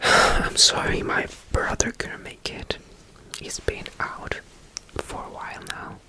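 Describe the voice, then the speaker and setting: Slowly and softly, an ASMR roleplayer in a caretaker role whispers reassuring phrases again and again while reading a bedtime story.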